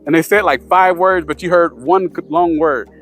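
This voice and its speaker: A man's voice: on the high side, moderate pace, a bit bright, soft background music. A man casually giving tips to camera, rambling with many fillers and restarts. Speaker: vlogger sharing language-learning tips.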